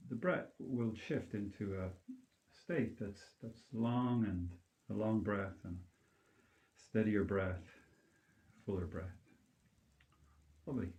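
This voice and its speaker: Man, meditation teacher for a calm grounding exercise: lowish voice, gentle and unhurried, recorded in an echoing room. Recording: roomy, echoing indoor sound.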